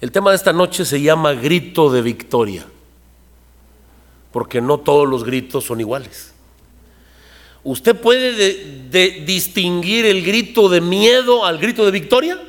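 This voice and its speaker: A man's voice: a little high, animated, slow, long pauses. Man preaching in an echoing church. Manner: conversational preaching with rhetorical questions to the congregation. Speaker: pastor. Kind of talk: sermon. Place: church hall.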